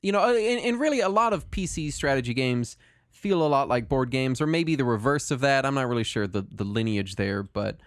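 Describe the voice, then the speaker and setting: A man's voice: mid-range voice, brisk, no room sound, studio quality. Man. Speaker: podcast co-host. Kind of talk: casual chat.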